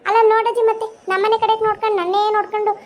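A voice actor doing an indignant quarrelsome village wife. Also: female voice, very high-pitched, level tone, very fast. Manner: indignant, complaining, argumentative. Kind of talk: cartoon voice acting.

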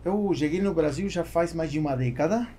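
A middle-aged business executive, a native Spanish speaker with a Spanish accent in Portuguese, answers interview questions as a podcast guest and often searches for words. He's recorded on a close boom-arm mic in a small foam-treated studio, his slightly high voice brisk and dark, with slight background noise.

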